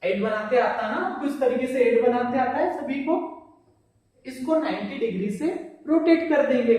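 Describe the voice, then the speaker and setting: A man with a high, mellow voice teaches a math lesson at the board and keeps asking the children to repeat each term. He stresses key words slowly and clearly. His voice comes from a distance and bounces around a very echoey classroom. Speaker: school teacher.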